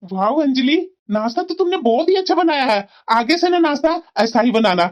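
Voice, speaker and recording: A woman's voice: high voice, animated, normal speed, highs cut off, pitched below the performer's own voice. A woman voicing an easygoing young adult son in a cartoon, plain-spoken and easily puzzled. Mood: praising. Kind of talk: cartoon voice acting.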